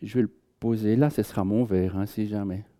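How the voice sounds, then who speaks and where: A man's voice: on the low side, steady tone, a little fast, warm tone. A man giving an informal Bible teaching to a group, conversational, joking with listeners and often restarting his sentences. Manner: conversational, jokes with the audience, many restarts. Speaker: preacher.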